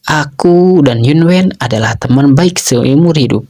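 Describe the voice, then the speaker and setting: Picture a lazy young lord who loves women and never stops joking, his voice a little higher than plain speech, as a man narrator puts him on. Lines come out teasing and exclaiming, with a touch of mock despair. It is a cartoon story recap. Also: expressive, unhurried, mellow.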